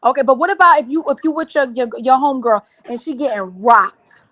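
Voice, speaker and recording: Woman radio host, a bit high pitched, blunt n encouraging, casual chat. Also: expressive, brisk, a bit bright.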